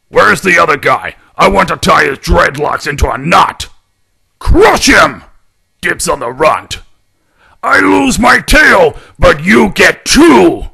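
A man voicing a belligerent, hot-tempered skunk brawler in a cartoon character demo, with a rough, gravelly voice and taunting, street-tough delivery. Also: fairly high pitch, bright, forceful tone, exaggerated voice. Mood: furious yelling. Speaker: amateur voice actor.

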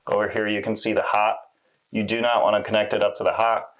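Man, 30s, lower voice, easygoing how-to demo in a small laundry room. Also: fast talker. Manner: relaxed, conversational, with fillers. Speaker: installation demonstrator. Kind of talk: casual how-to walkthrough.

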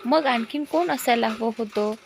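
A woman's voice: fairly high pitch, moderate pace, creaky, noisy background. A woman doing an impatient young man. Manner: pushy, pleading. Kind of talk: storybook character voice.

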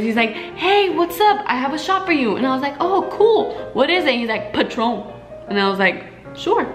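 A woman's voice: high-pitched, roomy sound, poor audio. A young adult woman telling casual stories to camera in a chatty way, acting out the quotes with lots of fillers. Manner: chatty, animated quoting with frequent fillers. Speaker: vlogger. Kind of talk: casual storytelling.

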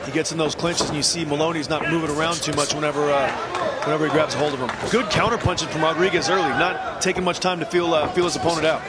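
A man's voice: fairly high pitch, fast. A man giving analytical live boxing commentary on the fighters' technique. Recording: loud crowd noise behind.

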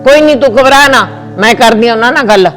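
A woman playing an old village grandmother who scolds and soothes in a brisk way. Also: a little high, a bit bright, natural voice. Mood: soothing. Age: older. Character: old grandmother, fussing and protective. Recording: long echoing reverb, faint music bed.

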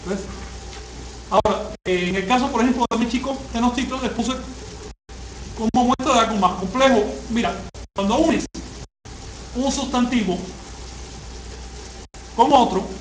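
A man teaching a classroom lecture, often asking the class questions and pausing on fillers. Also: very high-pitched. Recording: echoey room, faint hiss.

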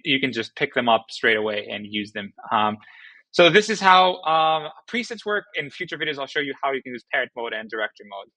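A man casually explaining software features in a tutorial, relaxed, with frequent fillers and restarts. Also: medium pitch, poor audio. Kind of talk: casual screen-recording walkthrough.

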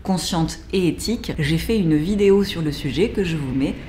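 A young woman with a French accent talks close to the camera from a living room packed with plants. Her delivery is cheeky and full of slang. Her voice sits low, with faint background hiss. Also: normal speed, dark tone. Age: young adult. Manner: playful, slangy and jokey. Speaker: plant vlogger. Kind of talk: casual scripted vlog. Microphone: camera at close range.

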